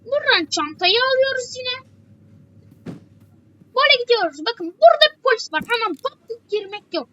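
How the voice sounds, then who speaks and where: A woman's voice: very high voice, lively intonation, normal speed, pauses often, fairly bright tone, dull audio, slight background noise. A woman giving a chatty game walkthrough, repeating her warnings again and again. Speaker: gameplay walkthrough host. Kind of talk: casual game tutorial commentary.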